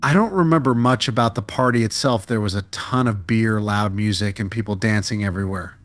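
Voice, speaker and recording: A man giving a steady, dramatic scripted narration of a true-style horror story. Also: lowish voice, brisk, no echo.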